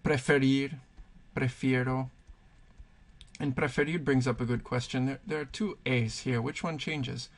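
A man's voice: medium pitch, fairly even intonation, a little slow. A man teaching Spanish verb conjugations, patiently thinking aloud and pointing things out as he writes. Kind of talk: explaining grammar at a whiteboard.

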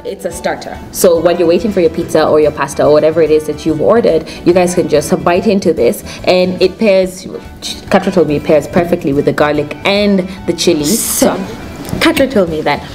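A young adult woman with a Kenyan accent and a lowish, slightly fast voice hosts a food vlog. Sitting at a restaurant table indoors with music playing, she chats casually to the camera while reviewing the restaurant.

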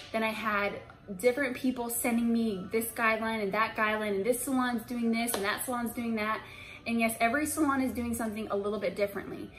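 A woman's voice: fairly high pitch, low-quality recording. A young woman in her twenties, a hairstylist, chatting to camera in an empty salon, reassuring and full of fillers and restarts. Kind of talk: casual vlog talk to camera. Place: empty hair salon indoors.

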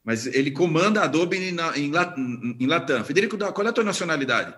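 A man's voice: a little high, expressive, fairly quick, a bit bright. A man moderating a panel on a video call, chatty and jovial with his guests.

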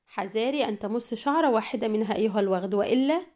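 Brief: woman voicing a defiant, worn-down hero agent, mellow tone, storybook thriller. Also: on the high side, racing, lightly acted. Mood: grim. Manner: bitter, angry. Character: weakened male hero agent, grim and defiant.

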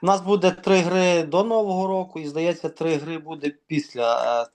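A man from Ukraine, a volleyball organizer, talking casually in an interview and pausing often with fillers and restarts. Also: a little high, steady tone, darkish tone. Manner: hesitant, many fillers and restarts.

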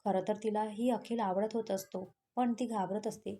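A woman narrating a romantic story, reading in a steady, even way. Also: medium pitch, normal speed.

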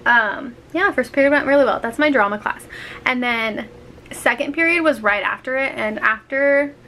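A teacher vlogger in her twenties chats casually to camera from a small indoor bedroom with a laptop, gesturing with animated hands and filling her speech with "like" and "um." Her voice is on the high side, a little scratchy and dry. A handheld camera held at arm's length records her.

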